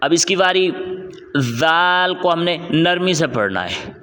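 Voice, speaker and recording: A man with a fairly high voice teaches a reading lesson, drawing out each syllable slowly and patiently. His voice rings out with a long, lingering reverb, as if he is in a large hall. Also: big pitch swings, sharp tone. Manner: patient, drawn-out syllable drills. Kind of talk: recorded recitation lesson.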